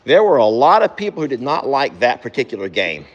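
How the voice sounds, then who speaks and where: A farm vlogger chats casually while doing barn chores, cooing at the animals and scolding them in a sharply raised voice. He speaks briskly at medium pitch with big pitch swings, and the highs are cut off.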